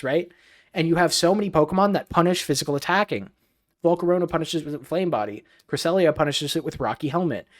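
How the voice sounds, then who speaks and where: Rambling man thinking aloud. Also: fairly high pitch. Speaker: streamer analyzing a match broadcast. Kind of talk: live match analysis.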